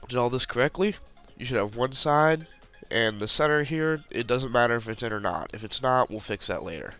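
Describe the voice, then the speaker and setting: Faint music plays behind a man of medium pitch whose tone is clear, resonant and a bit bright. He speaks fairly quickly, casually walking through the steps of a puzzle tutorial while clicking along in a screen recording. He's down with the flu and sounds congested, sniffling now and then.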